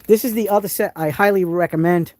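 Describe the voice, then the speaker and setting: Talking fast in a high, slightly mellow voice, a New England man from the United States hosts a live tool stream. He shows off tools and responds to chat eagerly, rambling and restarting often.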